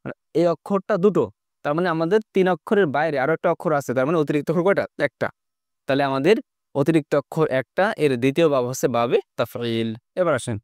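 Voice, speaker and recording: A man teaches a recorded online class at a brisk clip, his voice sitting a little high. He builds each point step by step and keeps throwing questions at his students. The sound is dry and close, with no room around it. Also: a little mellow, no echo.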